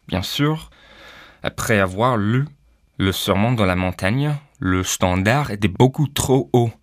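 Low-voiced hesitant man. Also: no echo, clean studio sound. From Canada. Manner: hesitant, frequent "euh" fillers. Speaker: pastor, guest. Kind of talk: personal testimony.

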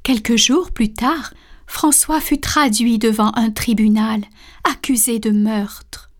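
A woman reads a story aloud in a calm, deliberate way. Her voice sits a touch high and she takes her time, at moments slipping into a soft, breathy near-whisper. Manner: calm, deliberate, some soft unvoiced passages. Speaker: narrator. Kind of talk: storybook reading.

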